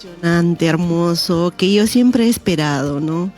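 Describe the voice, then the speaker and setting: Soft-spoken heartfelt woman, lowish voice. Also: expressive, unhurried, soft background music. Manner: soft, heartfelt, quotes her own pleading prayers. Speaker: guest sharing testimony.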